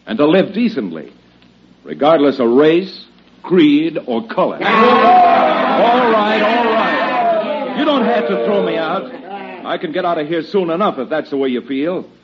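An actor playing an earnest cowboy hero who also narrates, in an old radio western. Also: male voice, a little high, husky. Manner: firm and earnest. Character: steady heroic cowboy, male, narrator. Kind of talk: 1940s radio acting. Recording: dull old radio recording.

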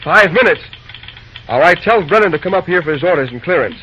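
An actor playing a busy young railroad dispatcher in an old-time radio drama, talking briskly in folksy slang. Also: male voice, high voice, expressive, slightly rough. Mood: brisk, urgent. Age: young adult. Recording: dull, noisy old radio recording.

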